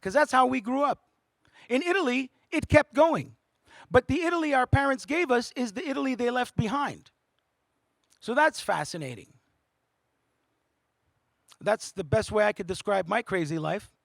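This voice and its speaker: A man doing stand-up comedy, animated and quick to switch voices. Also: extremely high pitch, creaky, no echo, studio quality. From Montreal, Canada. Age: 40s. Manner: animated, jumps between voices and languages. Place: theatre studio.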